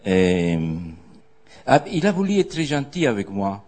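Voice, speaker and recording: A man's voice: mid-range voice, sing-song, a little slow, a little mellow. An older man, a guest speaker on a theatre stage, telling meandering, wry anecdotes before an audience with frequent hesitations. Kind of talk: storytelling on stage.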